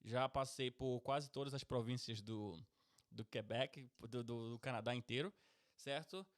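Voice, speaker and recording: A middle-aged man from Pernambuco, Brazil, hosts a casual podcast in a mid-range voice at a measured pace. Talkative and chatty, he keeps adding "certo?" and "beleza?".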